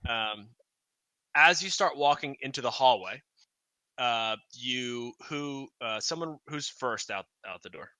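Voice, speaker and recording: A man's voice: medium pitch, expressive, slow, pushed and bright, no echo. A man narrating as game master in a tabletop game, hesitant and full of fillers.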